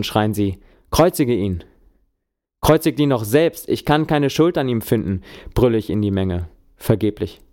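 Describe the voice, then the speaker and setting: A man tells a dramatized first-person story in a low, mellow voice. His tone is wry and colloquial, with plain everyday asides. When his character shouts, he raises his voice sharply. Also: no room sound, studio quality. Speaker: narrator.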